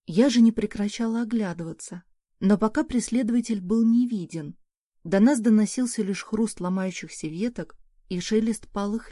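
Mellow-voiced woman narrating an audiobook. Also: medium pitch, dry recording, studio quality. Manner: expressive storytelling, acting out her own lines. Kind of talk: first-person audiobook narration.

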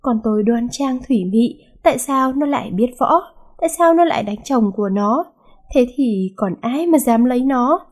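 A woman's voice: on the high side, animated, normal speed, darkish tone. A woman voicing an overwrought middle-aged mother who wails and laments. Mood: wailing. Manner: wailing, lamenting.

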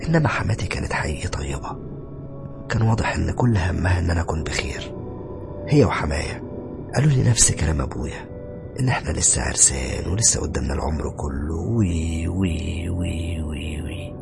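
A man with an Egyptian accent narrating a first-person horror story in a brisk, conversational way. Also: very deep voice, big pitch swings, gravelly. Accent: Egyptian Arabic. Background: music.

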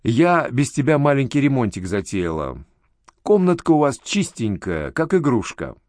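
A brisk, protective older schoolteacher mother, as a male narrator puts her on, scolding and motherly. Her lines rise and fall with lively pitch in a dry, close reading of a spoken story. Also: dry recording, lightly acted. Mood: fond, chatty.

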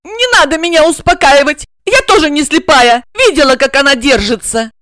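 A woman voicing a jealous, tearful young woman who hurls shrill, sobbing accusations at her boyfriend in an audiobook drama. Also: huge pitch swings, normal speed, a bit bright, no echo, studio quality, exaggerated voice. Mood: bitter, shouting.

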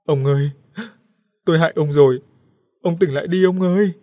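A man voicing a panicked young village wife who cries out high and loud. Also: a little fast, no echo, studio quality, lightly acted. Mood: anguished.

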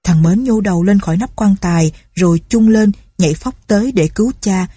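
A woman narrating a story aloud in a steady, measured reading voice. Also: medium pitch, husky, no echo, clean studio sound.

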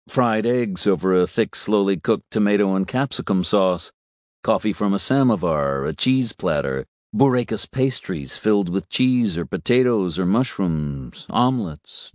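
A man reading a story aloud in a measured, unhurried way. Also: on the low side, no room sound, studio quality. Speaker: narrator. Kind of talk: storybook narration.

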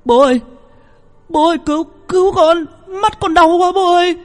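A man's voice: very high voice, normal speed, soft background music, pitched above the performer's own voice. A wailing little boy ghost. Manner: crying out in pain.

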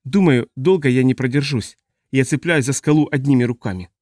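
A man's voice: mid-range voice, brisk, a little mellow, no echo, studio quality, lightly acted. A man reading the part of a badly injured man hanging from a cliff, speaking in a weary, strained voice. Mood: exhausted. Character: injured man clinging to a cliff, exhausted and frightened.

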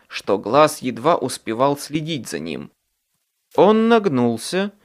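Expressive male audiobook narrator. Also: on the high side. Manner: dramatic, expressive reading. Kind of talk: first-person audiobook narration.

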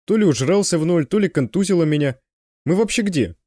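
A man voicing a dazed, hoarse-voiced man just regaining his senses. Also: a little high, expressive, fairly quick, dark tone, no echo, voice pushed up, lightly acted. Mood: bewildered.

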